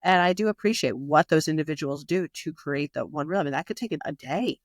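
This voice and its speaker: Guesting on a casual podcast, a magazine publisher who isn't a native Italian speaker talks briskly in a low voice with lively intonation, rambling through many fillers and restarts. The studio-quality audio has no room sound.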